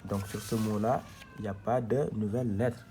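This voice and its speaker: A man's voice: on the low side, steady tone, moderate pace, dark tone, slight background noise. A man teaching a reading lesson at a board, patient and repetitive, spelling out syllables one by one.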